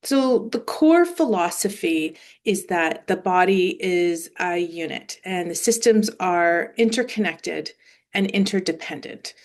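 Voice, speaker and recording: A woman in her forties, an osteopathic manual therapist, gives a screen-shared presentation, explaining with everyday comparisons and some fillers. Her voice is fairly low, expressive, and unhurried.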